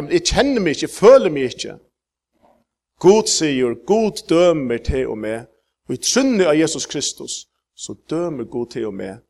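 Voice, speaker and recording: Emphatic preacher, man. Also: on the high side. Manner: halting with many fillers, rising to emphatic peaks. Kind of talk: sermon.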